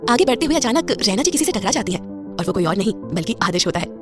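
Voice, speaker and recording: Fast-talking woman storyteller. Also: medium pitch, very animated, over music. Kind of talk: scripted story narration.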